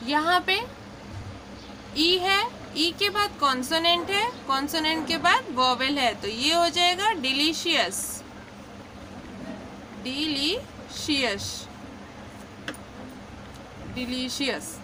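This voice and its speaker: A woman with a high voice walks through a pronunciation lesson, unhurried and patient, saying each example word slowly. A faint hiss of background noise sits under her voice. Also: animated. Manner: patient, repeats each word slowly, frequent "theek hai". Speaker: English pronunciation teacher. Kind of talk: slow explanatory lesson.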